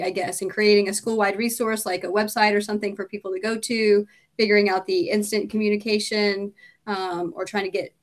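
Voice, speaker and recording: A woman interviewing a help desk team, asking long, halting questions with many fillers. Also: medium pitch. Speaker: visiting student interviewer.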